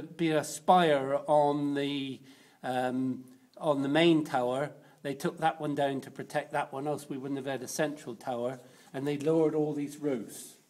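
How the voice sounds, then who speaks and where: A man working as a cathedral tour guide, explaining things informally and in a halting, unscripted way. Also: medium pitch.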